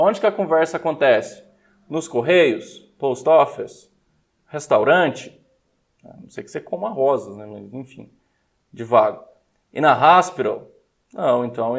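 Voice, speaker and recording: A man with a Brazilian accent teaches a live online English exam prep class, upbeat and coaxing as he explains. He switches often between Portuguese and English, in a medium-pitched, creaky voice.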